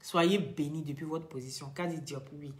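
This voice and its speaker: A woman's voice: low-pitched, fairly even intonation, normal speed, reverberant. A woman hosting a live video, speaking straight to her followers in an emphatic, lecturing way. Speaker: social media live-stream host.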